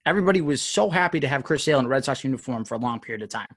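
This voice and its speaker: A man's voice: medium pitch, lively intonation, very fast, fairly bright tone. A man in his late thirties co-hosting a podcast, talking emphatically in casual chat. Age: 30s. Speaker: podcast co-host.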